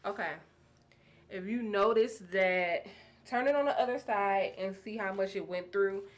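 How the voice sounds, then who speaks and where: A woman casually explaining a craft project step by step, chatty and excited about her materials. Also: medium pitch, a little slow. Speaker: craft tutorial host. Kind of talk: casual DIY how-to narration.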